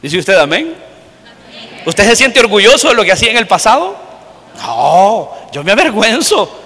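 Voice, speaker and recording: High, bright-voiced preacher. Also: male voice, moderate pace, slightly rough, big-room sound. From Honduras. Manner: animated storyteller, acting out dialogue, swings between loud and soft. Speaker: pastor. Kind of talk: sermon. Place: church.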